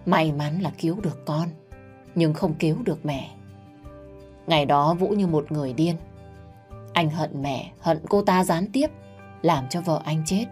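A woman storyteller narrating a family drama in a measured, sorrowful way. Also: deep voice, a little mellow. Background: faint background music.

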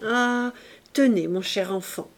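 A woman reading the lines of a languid, bedridden woman with a soft, gently plaintive voice. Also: mid-range voice, slow pace.

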